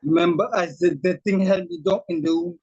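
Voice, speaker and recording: A man's voice: sits high, fairly quick, a little mellow, breathy edge, no room sound. A man with a voice that shakes from a throat tremor, earnestly telling his personal story as a guest over a video call. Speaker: author guest. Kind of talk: personal testimony in an interview. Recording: muffled lo-fi call audio.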